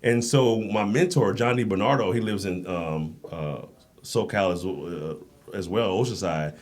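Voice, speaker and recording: In a low, unhurried voice, an American endurance coach and Marine chats casually as a podcast guest. He's an animated storyteller, trading anecdotes and acting out the quoted dialogue in this relaxed interview talk.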